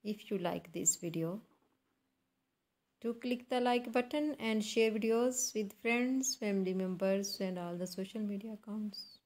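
A woman reading a scripted voice-over as a channel host, in halting, deliberate phrases. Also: mid-range voice, darkish tone. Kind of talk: scripted voice-over narration for a slideshow.

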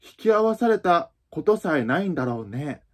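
A man voicing a sorrowful, weepy old male Mock Turtle in a storybook reading, speaking low and heavy. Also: very animated, normal speed, a little mellow. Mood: mournful.

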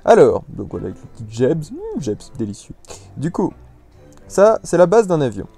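A man's voice: a little high, sing-song, normal speed, creaky. A man giving casual, rambling commentary on a video game, full of hesitations and restarts. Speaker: gameplay commentator. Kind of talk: casual let's-play commentary. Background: soft background music.

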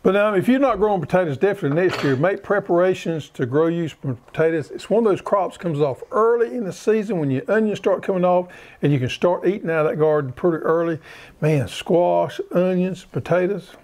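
Southern man, garden co-host, folksy drawl, slightly high voice, unhurried. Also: a little mellow. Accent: Southern American. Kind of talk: casual how-to chat.

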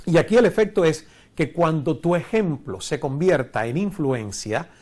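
The speaker, a Cuban course instructor in his forties, records an online lecture in a studio before a screen, wearing a lapel mic. He sounds earnest and asks rhetorical questions, his voice fairly high with a darkish tone.

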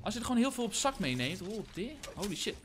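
A young man, live-streaming a game, excitable and slangy, shouting when hyped. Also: sits high, fast, background noise. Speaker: gaming streamer.

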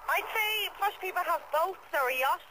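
A woman's voice: very high voice, expressive, normal speed. A woman calling in to a radio show over a phone line, polite and cheerful, giving brief answers. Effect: heard over a phone line. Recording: loud line noise on a phone call.

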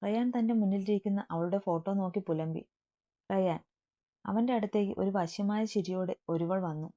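A woman narrating a story with a steady, even reading, in a dull lo-fi recording. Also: mid-range voice, fairly quick.

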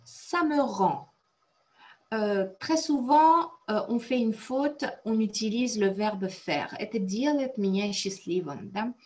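Russian-native woman teacher, unhurried, cheerful praise for students. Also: on the high side, lively intonation, a little mellow. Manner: encouraging, praises students often; explains and translates phrases step by step. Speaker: French teacher. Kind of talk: online conversation class.

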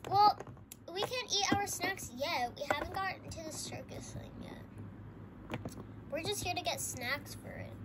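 A woman's voice: very high voice, lively intonation, a little slow. A woman hosting a casual, improvised toy play video in a chatty, informal way. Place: indoors at home, on a carpeted floor. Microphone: handheld phone camera. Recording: very noisy handheld home recording with clicks.

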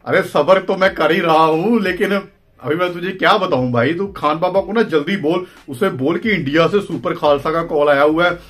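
A man's voice: fairly high pitch, moderate pace, fairly bright tone. A young Indian man hosting a phone-call vlog, brash, taunting and impatient, with an Indian accent. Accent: Indian Hindi. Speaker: wrestling channel host.

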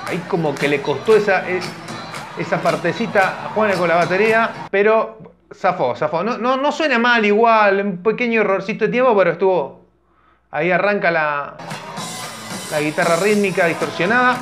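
A young man talks over a concert clip in a loose, thinking-aloud way, full of fillers and restarts. His voice sits fairly high for a man. Faint music plays underneath. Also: moderate pace, a bit bright. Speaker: reaction video host. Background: music from the video.

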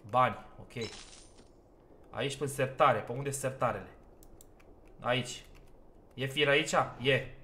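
A man's voice: medium pitch, long pauses, pushed and bright. A man giving let's play commentary on a horror game, talking himself through each step and getting easily exasperated. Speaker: gaming YouTuber.

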